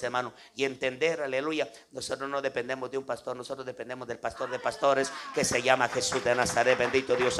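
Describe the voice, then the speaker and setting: This is a man preaching to a congregation as an evangelical preacher, his impromptu, exhortative sermon dotted with devotional interjections and tag questions. He has a Guatemalan accent and a medium-pitched, somewhat bright voice.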